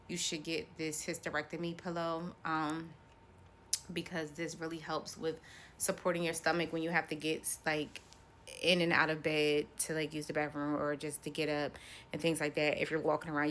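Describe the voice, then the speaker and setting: A woman's voice: deep voice, slight background noise. An American woman, around her thirties, talking casually and ramblingly to her viewers in a personal vlog. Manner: conversational, rambling, addressing viewers directly. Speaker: vlogger.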